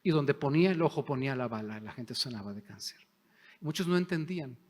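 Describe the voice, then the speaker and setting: A man preaching a sermon as pastor, impassioned, swinging between loud declarations and hushed, near-whispered prayer. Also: mid-range voice, expressive, a little fast. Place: church sanctuary. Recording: long hall reverb.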